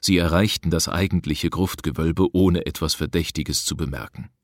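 A man narrating an adventure novel in a measured, steady storytelling manner. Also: low-pitched, dry recording, clean studio sound. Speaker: audiobook narrator. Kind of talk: scripted narration.

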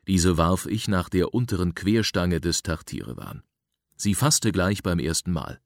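A man narrating an adventure novel in a measured, dramatic storytelling manner. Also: low voice, no room sound, clean studio sound. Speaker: audiobook narrator.

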